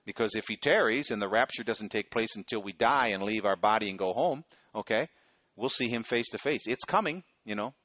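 Preaching briskly in a conversational style, a middle-aged pastor keeps asking his listeners "okay?" His lowish voice has a fairly bright tone, captured on a dry recording.

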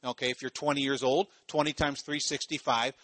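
A man's voice: medium pitch, level tone, a little fast, a bit bright, dry recording. A man from Ohio preaching a sermon in a loose, conversational way, full of "you know" asides and phrases repeated for emphasis. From Ohio, USA.

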